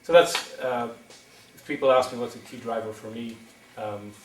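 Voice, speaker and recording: A County Wexford accent marks this middle-aged Irishman, a wind energy developer whose town meeting presentation is hesitant and full of ums and restarts. He speaks at a moderate pace in a mid-range voice with fairly even intonation. The background is noisy, and the echoey hall was recorded from far off.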